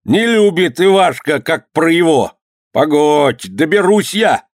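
A high, shrill voice of a spiteful old town governor, screeching and sputtering as he rages, as a man reading the story puts him on. The voice leaps up and down wildly and sounds close and dry. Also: very animated, slow pace, dry recording, full character voice. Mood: gloating. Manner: screeching, stamping, sputtering with rage.

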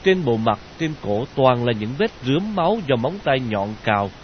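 A man narrating a story in an expressive audiobook reading, in a dull lo-fi recording. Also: mid-range voice, normal speed, a little hiss or hum.

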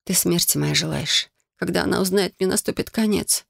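A woman voicing a young, quick-tempered heroine who answers in lively, exasperated retorts, higher than her narration. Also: vocal fry, dry recording, studio quality. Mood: dismayed.

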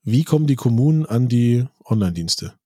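Animated and fairly quick, a man with a mid-range, dark-toned voice hosts a casual podcast interview, speaking with guests remotely from a virtual studio. He sets up his questions plainly in a conversational manner, and the sound is studio quality without room sound.

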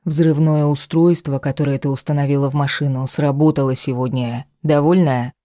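A cruel husband from an audiobook snaps his threats harshly, read by a woman. His voice is low and dark. The recording is dry and close. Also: steady tone, moderate pace, no echo, natural voice. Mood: harsh anger. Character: cruel angry husband, a grown man. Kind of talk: audiobook character reading.

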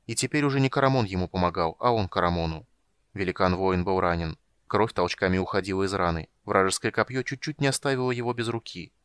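A man reading an audiobook with steady, measured storytelling. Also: low-pitched, clean tone, no echo, clean studio sound. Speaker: audiobook reader. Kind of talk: scripted narration.

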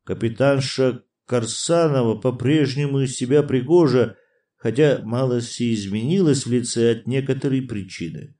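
A man's voice: medium pitch, moderate pace, mellow, close to an everyday voice. A man reading an audiobook, voicing a nervous young officer who speaks hesitantly and formally. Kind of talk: audiobook character voice.

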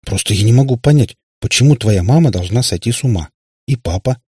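A man's voice: mid-range voice, lively intonation, brisk, dark tone, breathy edge, no echo. A man voicing a sad warlock father who rambles in pompous explanations. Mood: weary. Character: male warlock father, sad and long-winded.

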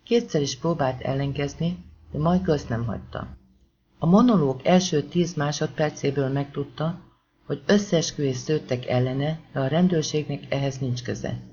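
A man reading an audiobook in a steady, measured storytelling manner. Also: a little high, slight background noise. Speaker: audiobook narrator. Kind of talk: scripted audiobook narration. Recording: dull lo-fi audiobook recording.

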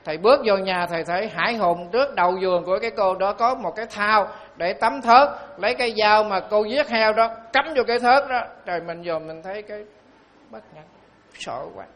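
Monk telling stories. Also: male voice, sits high, a bit bright. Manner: storytelling, slow and emphatic on key phrases. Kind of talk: sermon.

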